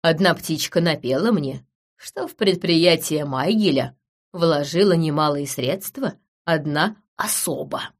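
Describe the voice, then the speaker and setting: A woman reading an audiobook, voicing a calm, understanding middle-aged brother who talks low and quietly. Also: measured pace.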